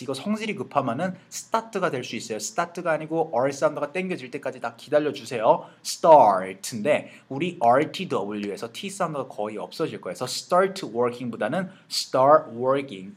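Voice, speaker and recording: A man teaching English pronunciation in Korean, saying words slowly over and over for learners to copy. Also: mid-range voice, husky. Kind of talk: lesson with drills.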